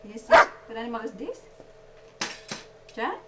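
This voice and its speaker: A woman asking a young child to name animals and make their sounds, in slow, patient questions with sing-song prompts. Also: a little high, big pitch swings. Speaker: parent teaching a child. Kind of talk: home video lesson for a child. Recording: echoey room, far from mic, loud noise.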